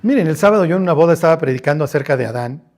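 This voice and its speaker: A middle-aged man with a Mexican Spanish accent preaching a lively, conversational sermon, joking and using slang as he acts out scenes. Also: on the high side, racing. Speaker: pastor.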